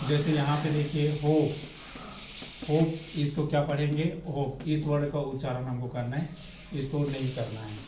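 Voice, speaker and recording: A man gives a classroom-style pronunciation lesson at a very unhurried pace. He asks a question, answers it himself, and repeats each word over and over. The room sounds echoey, with a faint hum of background noise behind him. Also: fairly high pitch, steady tone, dark tone. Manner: slow and repetitive, asks a question then answers it, keeps adding "है ना". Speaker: teacher.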